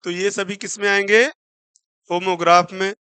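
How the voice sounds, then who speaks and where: Bright-voiced man teaching English. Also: high-pitched, level tone, clear, resonant tone, no echo. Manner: explains step by step, asking and answering his own questions; spells words out letter by letter and slows right down on example sentences. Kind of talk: exam-prep vocabulary lesson.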